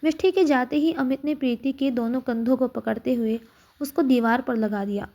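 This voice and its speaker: High, mellow woman telling a story. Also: moderate pace. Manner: steady, expressive reading. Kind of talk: emotional story narration.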